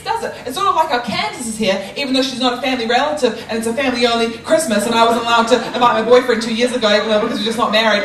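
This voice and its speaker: A woman's voice: on the high side, recorded from a distance. A young woman with a New Zealand accent performing a chatty, self-mocking stand-up comedy set on a theatre stage. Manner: chatty, self-mocking, bursts into loud shouting. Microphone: handheld mic. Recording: roomy theatre sound with crowd laughter. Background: audience laughing.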